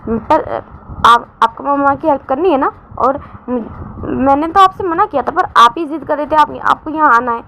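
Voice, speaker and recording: A woman voicing a cold, bitter young man who is a protective parent, speaking in low, clipped orders. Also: moderate pace, bright, forceful tone, slight background noise, exaggerated voice, low-quality recording. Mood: tender.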